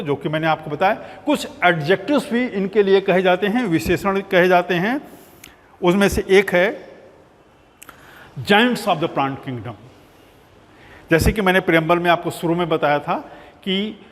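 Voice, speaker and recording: A man teaching a botany lecture, explaining terms patiently and slipping English words into his talk. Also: high voice. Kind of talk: recorded lecture. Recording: long hall reverb.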